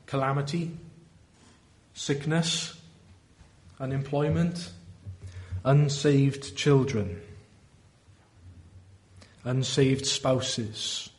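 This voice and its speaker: A man with a Welsh Valleys accent preaching a sermon in an earnest, deliberate way, often posing rhetorical questions. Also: medium pitch, darkish tone. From South Wales valleys.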